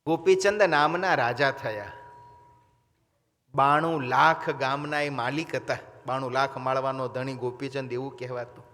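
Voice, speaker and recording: Swami preaching in echoing hall. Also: male voice, mid-range voice, measured pace, pushed and bright. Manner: dramatic storytelling, voices mother and son in dialogue. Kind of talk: storytelling sermon. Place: temple hall. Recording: long reverb of a large hall.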